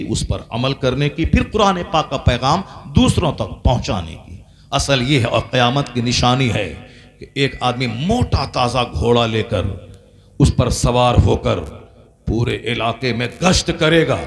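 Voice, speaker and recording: An Islamic preacher delivers a sermon in a gravelly, medium-pitched voice. He builds his points through repeated refrains and rises to impassioned peaks.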